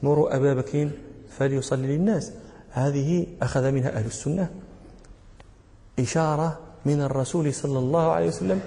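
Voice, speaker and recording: A man with a Moroccan accent leads a classroom grammar lesson, firing questions at his students and chuckling often. His voice sits fairly high yet sounds mellow and dark. A long reverb trails through the hall. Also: a little fast, gravelly, pauses often, a little hiss or hum. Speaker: teacher.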